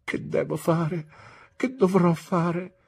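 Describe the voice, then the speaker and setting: A woman reading an audiobook, voicing a gentle young woman who pleads softly and tearfully. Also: fairly low pitch, steady tone, drawn-out words, gravelly, husky, pitched above the performer's own voice, heavily acted. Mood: pleading.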